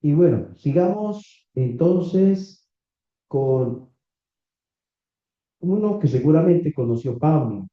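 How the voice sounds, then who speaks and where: A man preaching a sermon to a congregation, reading scripture slowly and asking the listeners questions. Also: a little high, lively intonation. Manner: slow, deliberate preaching with rhetorical questions to the congregation. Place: small church meeting room. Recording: echoey, slightly dull church recording.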